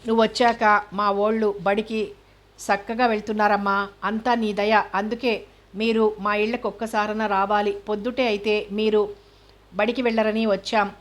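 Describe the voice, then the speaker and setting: A woman's voice: medium pitch, flat delivery, moderate pace, close to an everyday voice. A woman voicing a group of humble village mothers, deferential and pleading. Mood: grateful.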